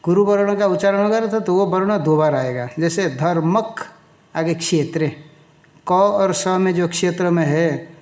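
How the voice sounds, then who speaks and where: A man teaching a Sanskrit scripture in a slow, deliberate lecture, chanting verses and pausing to explain their pronunciation and meaning. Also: high-pitched, darkish tone. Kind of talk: Sanskrit text lecture in Hindi.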